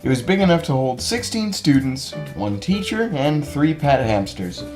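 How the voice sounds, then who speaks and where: A man's voice: mid-range voice, big pitch swings, moderate pace, music in the background. A teenage young man from California reading a children's book aloud, with dry, self-mocking asides. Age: late teens.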